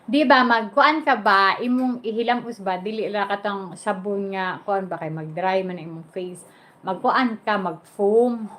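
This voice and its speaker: A woman's voice: medium pitch, normal speed, a bit bright. A woman in her forties from the Philippines with a Filipino accent, chatting casually on her vlog, switching between Cebuano and English and laughing often. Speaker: vlogger. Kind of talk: casual chat.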